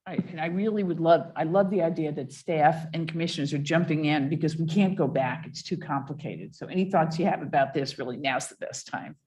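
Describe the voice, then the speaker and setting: A woman with a somewhat low voice chairs a public commission meeting. She moves the discussion along in a methodical way and reads text out slowly for the record. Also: darkish tone, low-quality recording. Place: meeting room.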